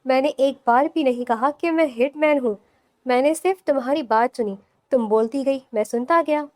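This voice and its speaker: A woman doing a calm, teasing young husband. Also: high voice, no room sound, clean studio sound, close to an everyday voice.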